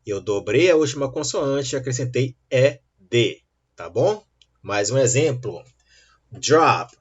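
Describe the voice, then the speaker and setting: An animated, husky man of medium pitch leads an English grammar lesson. The recording is dull and lo-fi; he speaks slowly and patiently, using rising checks like "tá bom?" to see that students follow.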